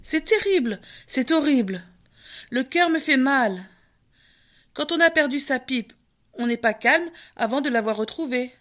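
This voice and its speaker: A heartbroken young hunter from a storybook tale, anguished and pleading, as a woman narrator puts him on. The voice sits a little high and raised. It stays grieving and tender rather than harsh. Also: lively intonation, a little slow, a bit bright. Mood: sorrowful. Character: grief-stricken young male hunter who lost his brother.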